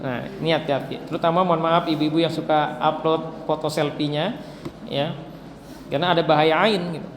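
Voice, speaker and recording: A man's voice: fairly high pitch, steady tone, fairly quick, slight background noise. A man preaching a sermon, talking straight to the women listening and acting out the dialogue in his stories. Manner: chatty, addresses the women directly, acts out dialogue. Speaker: Islamic preacher. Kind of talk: casual sermon with acted-out stories. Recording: echoey hall with faint ambience.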